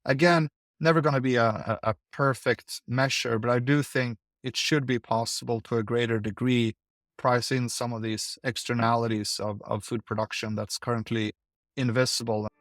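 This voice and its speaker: Thoughtful male guest from Sweden, mid-pitched, dry close recording. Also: steady tone, a bit bright, dry recording. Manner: thoughtful, halting with repeated words. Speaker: guest, investor. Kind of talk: conversational interview.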